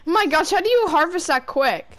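A woman chatting casually while playing a video game, trailing off, restarting her sentences and now and then bursting into shouts. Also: extremely high pitch, lively intonation, moderate pace. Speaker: gamer. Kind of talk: casual gameplay chat.

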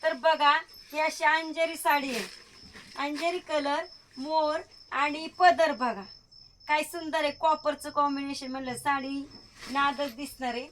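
High-voiced woman selling sarees. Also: steady tone, a little slow, a bit bright, slight background noise, poor audio. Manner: sweet-talking, praising sarees eagerly. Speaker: saree shop vlogger. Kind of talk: lively sales vlog.

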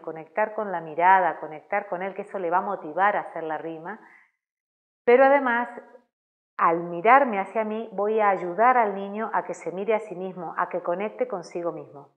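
Woman teacher, calm and precisely articulated, instructional talk on rhymes, slightly dull recording. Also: medium pitch. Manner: calm, clearly articulated, demonstrates rhymes aloud.

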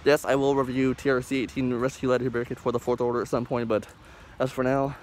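A young man reviewing music in a rambling vlog, speaking loudly and emphatically through a face mask that muffles his words, recorded on a phone outdoors. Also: medium pitch, level tone, fast talker, slight background noise. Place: outdoors in a parking lot. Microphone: phone held close at arm's length.

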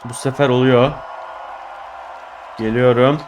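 Excitable young gamer man. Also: mid-range voice, takes it slowly, slight background noise. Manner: excitable, exclaiming and groaning at failures. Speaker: gaming YouTuber. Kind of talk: let's play commentary.

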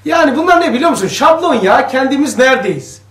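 A man leads a religious study circle, reading passages aloud and unpacking them for his listeners in an easy, conversational manner. His voice sits very high for a man. It carries a cave-like echo, as if bouncing off bare walls, and sounds distant from the microphone. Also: lively intonation, quick pace, fairly bright tone. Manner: conversational, explains each passage and questions the listeners. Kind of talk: reading a religious text aloud and explaining it to a group. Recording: echoey room, voice distant from the mic.

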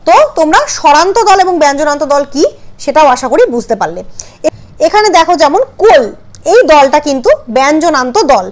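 High-voiced woman teaching syllables slowly. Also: expressive. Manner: patient, questioning, spells out syllables slowly. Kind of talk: Bengali grammar lesson.

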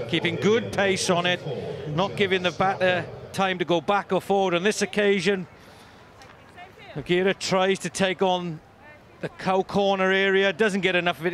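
A man giving live cricket commentary, rising to shouts at the big moments. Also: high-pitched. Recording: broadcast mic over loud stadium crowd and noise.

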